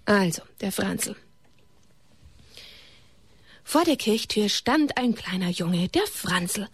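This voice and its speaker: A woman reading a religious story aloud to children in a gentle way, turning to them with questions and sometimes dropping to a whisper. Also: mid-range voice, lively intonation, takes it slowly, breathy edge, no room sound.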